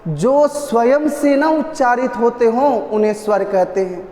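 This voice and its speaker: A man's voice: very high-pitched, unhurried, mellow. A man teaching an exam-prep lesson, repeating terms and chanting lines to drill them. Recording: echoey roomy reverb.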